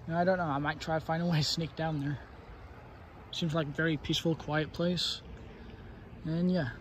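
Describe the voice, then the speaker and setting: On a wooded trail, a young adult man films himself with his phone at arm's length for a casual outdoor vlog, hesitating and rambling with plenty of fillers. He speaks at a moderate pace in a steady, slightly high voice, with a little background noise.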